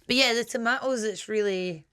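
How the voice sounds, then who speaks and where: A woman's voice: on the high side, normal speed, fairly bright tone, a little hiss or hum. A woman hosting a casual food chat, teasing and giggling as she reads out dish names. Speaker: host.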